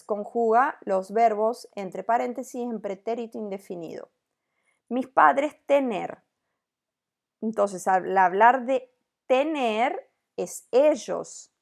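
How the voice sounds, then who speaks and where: Woman, Spanish teacher, slow drilling pace, gravelly edge, online lesson. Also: a little high, a little mellow. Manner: slow, deliberate, drills conjugations with frequent "¿tá?" checks. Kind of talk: recorded online grammar lesson.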